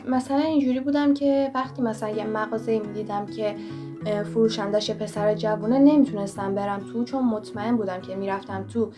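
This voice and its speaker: A woman's voice: medium pitch, steady tone. A young woman vlogger giving motivational advice, talking straight to the viewer in a direct, coaching way. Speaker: self-help vlogger. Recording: voice over clear background music.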